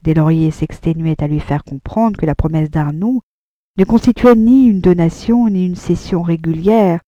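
A woman reading a classic novel aloud as an audiobook narrator, in a measured, even way. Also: on the low side, dry recording. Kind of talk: scripted literary narration. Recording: dull lo-fi audio, dry.

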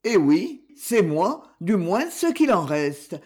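A woman's voice: lowish voice, big pitch swings, slow pace, darkish tone, full character voice. A woman reading aloud, voicing a charming mature grandfather who speaks in a genial, gallant way. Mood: moved.

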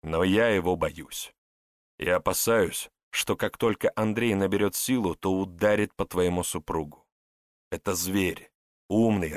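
A man playing a wary, fearful adult nobleman who speaks gravely and hesitantly. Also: lowish voice, no room sound, studio quality, lightly acted.

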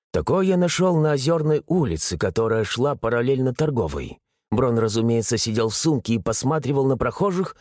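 A man narrating an audiobook in the first person with expressive storytelling. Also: mid-range voice, no room sound, clean studio sound.

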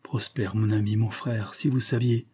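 A man's voice: lowish voice, fairly even intonation, normal speed, warm tone, breathy edge. A man reading the part of a proud young woman, an heiress, torn and pained but speaking firmly and tenderly.

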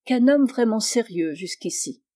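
A prickly, flirtatious spinster with a sharp, piping voice, as a woman reading aloud puts her on. She teases and takes offense quickly, her voice jumping up and getting loud. Audiobook reading. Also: expressive. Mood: gossipy. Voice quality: sharp, high-pitched voice. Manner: teasing, quick to take offense. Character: shrill, tart, flirtatious spinster.

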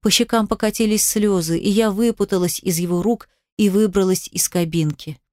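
A woman's voice: mid-range voice, fairly even intonation, normal speed, a little mellow, dry recording, studio quality. Woman reading a dramatic audiobook. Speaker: audiobook narrator. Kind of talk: first-person audiobook narration.

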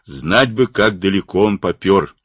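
A man reads as a gruff, blunt polar driver in an audiobook, his voice very low and swinging widely in pitch. He grumbles his orders, and the recording is dry and close. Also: expressive, a little slow, a bit bright, no room sound, full character voice. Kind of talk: audiobook reading.

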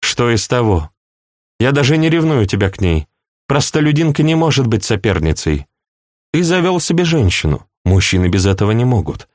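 A man's voice: medium pitch, very animated, moderate pace, a little mellow, no echo, clean studio sound, natural voice. A man reading an audiobook, voicing a proud and passionate young princess in a raised, pleading voice. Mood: dismissive.

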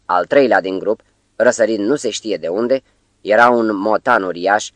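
Low-voiced man narrating an audiobook. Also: fairly bright tone, dry recording. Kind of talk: scripted narration.

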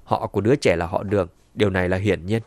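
A man voicing a sharp-tongued, scheming grandmother who mocks and scolds, in a dry-sounding audiobook reading. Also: sits low, fairly even intonation, quick pace, no room sound, voice pushed down. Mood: scornful. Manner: scornful, mocking.

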